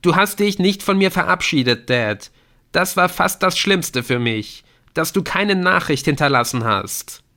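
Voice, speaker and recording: A man's voice: mid-range voice, expressive, unhurried, a bit bright, pitched above the performer's own voice. A man voicing a bitter grieving son. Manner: accusing, raw and pleading.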